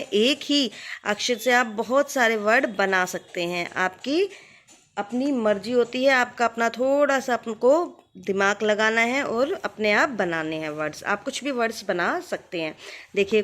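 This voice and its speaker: A woman teaching a writing lesson, who speaks to the viewer patiently and stretches the example words out slowly. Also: on the high side, lively intonation, fairly bright tone. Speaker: Hindi teacher. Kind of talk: explaining a Hindi writing lesson.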